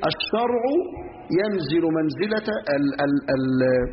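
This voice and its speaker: A man's voice: on the high side, expressive, a little slow. A man with an Egyptian accent preaching a lesson, talking emphatically and answering his own questions. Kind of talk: Egyptian Arabic sermon lesson. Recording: roomy, echoey, dull, faint hiss.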